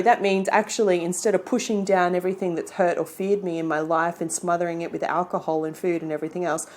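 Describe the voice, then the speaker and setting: A woman's voice: on the low side, a little mellow. A woman with an Australian accent giving a casual, chatty tarot reading to camera and encouraging her viewers. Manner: chatty, encouraging, often checks in with "okay?" and "right?". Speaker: tarot reader.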